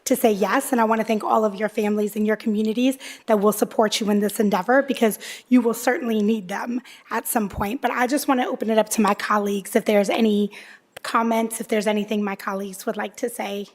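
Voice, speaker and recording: A woman's voice: mid-range voice, steady tone, fast talker. A woman council member presiding at a meeting, speaking off the cuff in a conversational way with some fillers. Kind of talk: unscripted meeting remarks. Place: council chamber.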